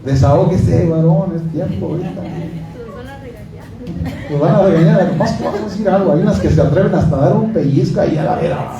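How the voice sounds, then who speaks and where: A man's voice: high voice, fairly quick, creaky, highs cut off, a crowd in the background. A man preaching a sermon in a church, chatting with the congregation, asking them questions and joking. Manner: conversational preaching, asks the congregation questions, jokes. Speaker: pastor. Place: church hall. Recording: echoey hall, from far off.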